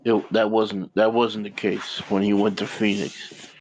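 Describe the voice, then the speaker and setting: A man's voice: on the low side, little pitch movement, unhurried, a little mellow, slight background noise, rough recording. A man co-hosting a casual chat, blunt and profane, fumbling now and then for words.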